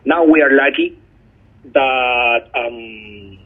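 A man's voice: mid-range voice, extremely slow. A man from Chile, a guest journalist speaking over the phone in an interview, talking earnestly with many hesitant ums. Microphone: telephone. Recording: tinny phone line.

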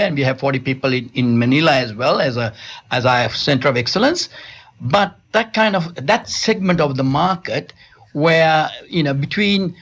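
A middle-aged Sri Lankan man who founded a telecom company is a guest answering interview questions in a studio. He sounds hesitant, with many restarts and fillers, and his voice is fairly high, a bit bright, and slightly rough.

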